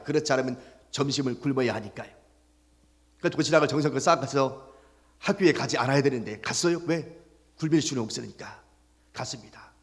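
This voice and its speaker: A man preaching a sermon as pastor, telling an illustration story and asking the congregation questions, rising to loud emphatic peaks and dropping to soft hushed lines. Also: mid-range voice. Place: church sanctuary. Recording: long hall reverb.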